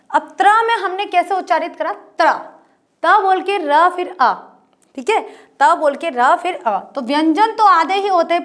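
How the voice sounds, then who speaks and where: High-voiced woman teaching a class. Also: fairly bright tone. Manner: explains slowly, repeating letters and asking questions. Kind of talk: online class lesson.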